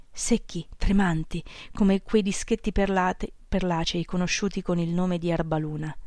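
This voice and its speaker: A woman narrating a novel in a measured, steady reading voice. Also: medium pitch, dry recording, studio quality. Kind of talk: audiobook narration.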